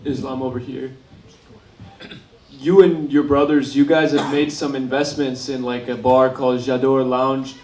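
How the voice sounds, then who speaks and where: A male reporter asks questions at a press interview. His pitch is average for a man. The sound is roomy, with clear echo around the voice. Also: little pitch movement, measured pace, darkish tone, slight background noise.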